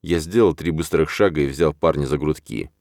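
A man narrating a first-person story as an audiobook, in a steady, measured manner. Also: very deep voice, no echo, studio quality.

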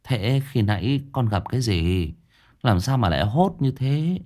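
A man's voice: mid-range voice, big pitch swings, a little slow, mellow. Man doing a worried old granny, anxious questions, close to his own voice.

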